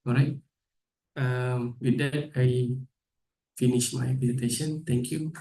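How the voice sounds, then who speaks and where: A man's voice: mid-range voice, steady tone, slow, mellow. Echoey Malaysian man mixing English with Malay slang. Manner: casual Malay-English code-switching with Malaysian slang particles. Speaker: presenter giving a medical talk. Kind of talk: informal presentation and audience quiz. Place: meeting room. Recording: echoey room, picked up from a distance.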